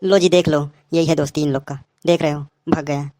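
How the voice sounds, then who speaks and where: A man's voice: fairly high pitch, steady tone, a little fast, a little mellow, no echo. A man giving a mocking, comic voice-over commentary on a cartoon as the channel host. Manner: mocking, roasting.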